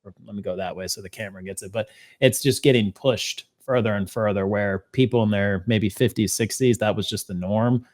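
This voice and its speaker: A man in his mid-thirties joining a podcast chat, laying out his point in a measured, explanatory way. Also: fairly low pitch, fairly even intonation, darkish tone. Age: 30s. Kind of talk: casual chat.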